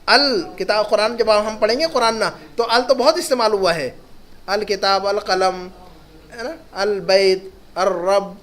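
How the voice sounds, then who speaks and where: High-voiced man teaching Arabic slowly. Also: fairly even intonation, fairly bright tone. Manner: slow, drawn-out reading of each word, then quick explanations with checking questions. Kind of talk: classroom lesson, reading and translating words.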